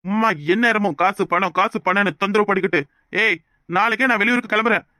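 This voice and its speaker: A voice actor playing a fed-up young village husband. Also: male voice, high-pitched, quick pace, pushed and bright, dry recording, clean studio sound. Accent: Kanyakumari Tamil. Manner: firm, fed-up. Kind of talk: cartoon voice acting.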